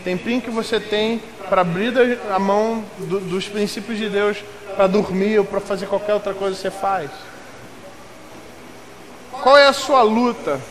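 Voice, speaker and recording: A man from Rio de Janeiro with a Carioca accent, preaching a sermon as pastor, emphatic and rising to loud outbursts. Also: high voice, a little slow, a crowd in the background. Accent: Carioca Brazilian Portuguese. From Rio de Janeiro, Brazil. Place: church sanctuary.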